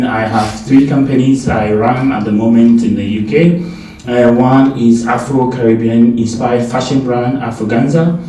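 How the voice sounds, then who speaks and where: A man's voice: mid-range voice, mellow, slight background noise. Man from Ghana on a distant panel mic. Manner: repeats and restarts words. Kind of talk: introducing himself on a panel. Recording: echoey lecture theatre from far off.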